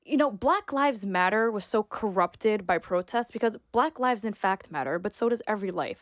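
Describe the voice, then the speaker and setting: A woman's voice: medium pitch, dry recording. Emphatic young woman, dry close sound. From New York. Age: 20s. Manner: emphatic, opinionated, frequent "like" fillers. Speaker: guest, sports reporter and influencer. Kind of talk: casual interview talk.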